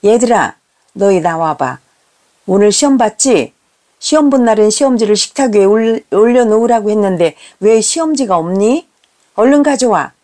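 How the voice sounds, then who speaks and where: A woman voicing a strict middle-aged mother who scolds her children with sharp, reproachful questions. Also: medium pitch, very animated, unhurried, pauses often. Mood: scolding.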